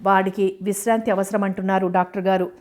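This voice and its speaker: A woman voicing a calm, practical father explaining events to his family. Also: mid-range voice, fast talker, lightly acted. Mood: reassuring.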